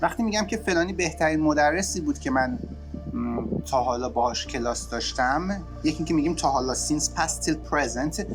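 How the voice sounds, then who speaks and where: A man with a Persian accent teaching an English grammar lesson, speaking quickly in Persian and slowly stressing English examples. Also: on the high side, animated, music in the background, low-quality recording. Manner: switches between rapid explanation and slow, stressed example phrases.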